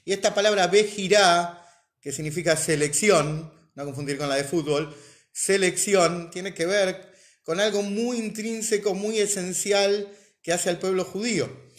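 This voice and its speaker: Guy teaching a religion class, fairly high voice, keeps rephrasing and asking himself questions. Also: normal speed. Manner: explanatory, rephrases points, asks rhetorical questions.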